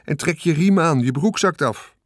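A man's voice: a little high, lively intonation, moderate pace, no echo, clean studio sound, pitched above the performer's own voice, lightly acted. Man doing a fussy scolding farmer's wife. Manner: anxious, scolding.

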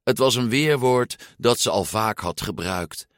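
A man reading a children's story aloud in an expressive, unhurried way. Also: lowish voice, no echo, studio quality. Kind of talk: storybook read-aloud narration.

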